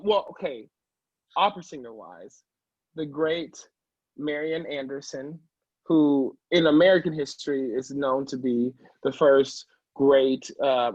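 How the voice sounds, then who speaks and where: This male opera singer, whose first language is English, chats as an interview guest with emphasis and frequent check-ins with the listener. His mid-range voice has a breathy edge. The audio is dull and free of echo.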